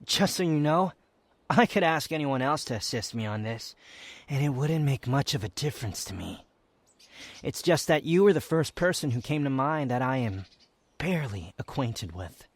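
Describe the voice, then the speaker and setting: A man playing an aloof, proud, sardonic young wanderer in an intimate roleplay audio drama, speaking in haughty, formal, halting phrases. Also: medium pitch, lively intonation, no room sound. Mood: guarded, formal. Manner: haughty, formal wording, halting, sighs and scoffs.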